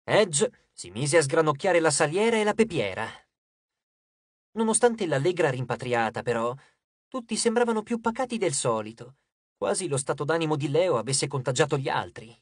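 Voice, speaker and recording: An audiobook narrator reading a novel in an expressive storytelling manner, recorded in a studio. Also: mid-range voice, husky, no echo.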